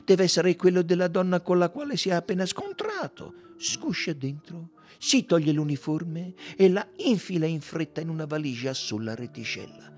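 A man voices a shrewd, courteous detective from a novel, sounding self-assured and theatrical. His delivery is emphatic and deliberate, pitched high and pushed upward, with a darkish tone.

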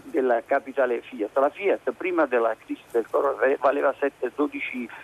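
A middle-aged or older man with a Neapolitan accent, calling a radio show and calmly laying out his arguments. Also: medium pitch, normal speed, gravelly. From Naples, Italy. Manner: calm, argumentative, explanatory. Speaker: phone-in caller. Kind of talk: spontaneous opinion on a radio call. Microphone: telephone. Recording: noisy telephone call to radio.

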